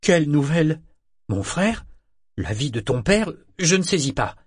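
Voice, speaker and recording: A man's voice: a little high, very animated, a little slow, husky, no echo, studio quality, pitched above the performer's own voice, exaggerated voice. A man doing an anxious young suitor. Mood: alarmed. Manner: tense, earnest.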